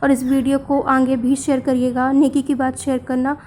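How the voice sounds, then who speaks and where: A woman calmly explaining a religious practice step by step, listing points by number. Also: high voice, moderate pace, a little hiss or hum. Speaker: religious instructor.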